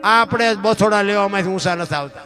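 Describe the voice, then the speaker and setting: A man's voice: high voice, a little fast, over music. A man, a folk storyteller giving a sermon-like talk to a live audience, often asking his listeners rhetorical questions and quoting folk verse. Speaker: folk storyteller speaking at a dayro.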